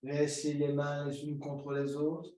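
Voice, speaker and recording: A man leading a yoga class, giving slow, calm breathing and posture cues step by step. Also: a little high, a little hiss or hum. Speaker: yoga teacher. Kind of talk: guided yoga instruction. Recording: very echoey room, distant mic.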